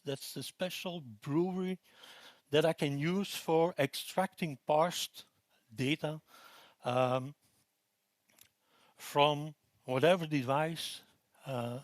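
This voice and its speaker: This is a man in his forties from Belgium, presenting at a technical conference. His voice sits somewhat high for a man and the sound is dry with no room echo. He talks in a relaxed way, with plenty of ums and restarts. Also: slow. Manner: relaxed, with frequent fillers and restarts.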